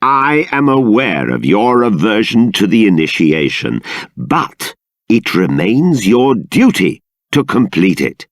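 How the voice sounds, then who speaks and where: Gravelly, sweeping King Clavius, stern and regal. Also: fairly low pitch, very animated, no room sound, clean studio sound, full character voice. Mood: angry, exasperated. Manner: regal, formal, deliberate, emphatic. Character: stately, stern king and exasperated father. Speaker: video game character voice. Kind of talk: theatrical fantasy game voice acting.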